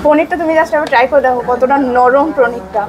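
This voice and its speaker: In a busy restaurant full of crowd chatter, a woman food vlogger with a high voice chats quickly and enthusiastically about the dishes. It's a casual food review, and she keeps repeating her praise.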